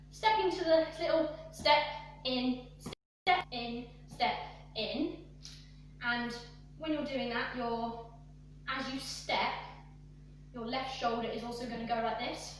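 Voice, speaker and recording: A young woman with a high voice teaches a dance routine over a live stream, walking through each move and breaking into counts and sung snippets. She talks at an unhurried pace. Her voice comes from across a very echoey room with a faint hum behind it. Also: distant mic. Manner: talks through moves, counting and singing along to the music. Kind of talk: live online dance lesson. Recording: echoey room, voice away from the mic.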